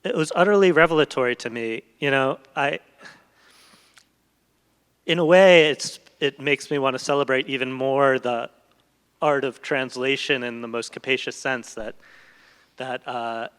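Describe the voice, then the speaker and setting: On a large event hall stage, a middle-aged guest translator speaks in an unscripted conversation, thoughtful and hesitant, building long winding sentences with long pauses. His medium-pitched voice is fairly bright and clean at a measured pace, ringing through the hall's long reverb.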